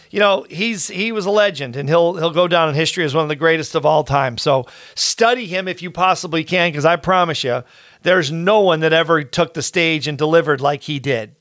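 A middle-aged man hosting a podcast, telling a story in an earnest, animated way with frequent restarts. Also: a little high, dry recording, studio quality. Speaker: podcast host. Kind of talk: casual storytelling.

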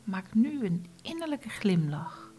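A woman guiding a relaxation meditation, speaking softly and often in a whisper. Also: medium pitch, sing-song, faint music behind. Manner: slow, soft, often whispered instructions. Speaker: meditation guide.

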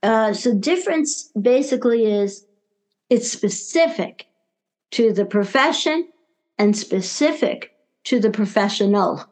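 A woman's voice: a little high, lively intonation, measured pace, a little mellow, low-quality recording. A woman with a New York accent, a language coach speaking as a guest in a casual interview, explaining things earnestly in careful phrases.

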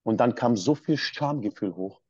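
A man's voice: mid-range voice, moderate pace, warm tone, dry recording, dull audio. A man from Swabia in Germany, a podcast guest telling his personal story in a passionate, emphatic way.

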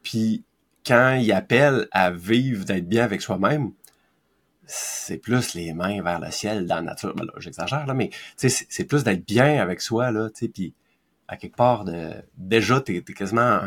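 A man's voice: on the low side, measured pace. A man with a Québécois accent, co-hosting a podcast in thoughtful, hesitant casual chat. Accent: Québécois French. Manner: thoughtful, hesitant, with soft laughs. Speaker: podcast co-host.

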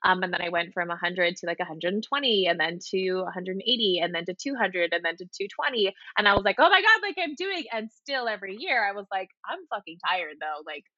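Bright, chatty woman from Hawaii. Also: medium pitch, expressive, a little fast, few pauses, no echo. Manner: chatty, peppered with "like", casual swearing. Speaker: podcast guest, wedding photographer. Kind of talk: casual interview chat. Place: home apartment. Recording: dry, slightly dull lo-fi sound.

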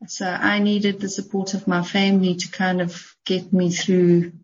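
A woman's voice: on the low side, flat delivery, a little slow. Middle-aged South African woman guest, reflective, slightly muffled, faint noise behind. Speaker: podcast guest. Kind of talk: casual interview chat.

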